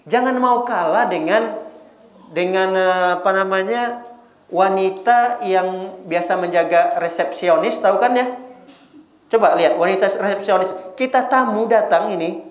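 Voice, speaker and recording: A male Islamic preacher giving a casual, lively sermon to a women's audience, often teasing them with rhetorical questions. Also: high-pitched, a little slow, echoey room.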